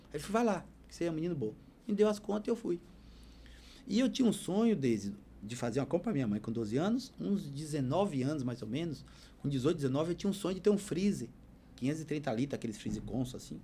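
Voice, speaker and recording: A man's voice: a little high, very animated, fast talker, mellow, slight background noise. A man, a podcast guest telling his life story as a heartfelt, preacherly testimony. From Bahia, Brazil.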